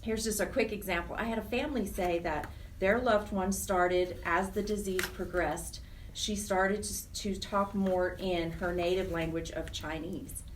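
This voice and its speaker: An American woman, the program director of a nonprofit chapter, is a guest on a radio interview. Her lowish voice is steady and unhurried as she explains things earnestly and emphatically. The mic sounds distant, with faint noise.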